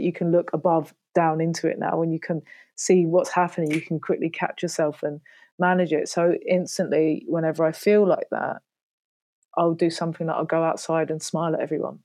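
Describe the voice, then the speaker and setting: A woman in her forties, a singer and podcaster, speaks as a guest about her work and loneliness, candid and reflective, peppering her talk with "you know." Her low, mellow voice moves little in pitch and runs fairly quick, with no echo.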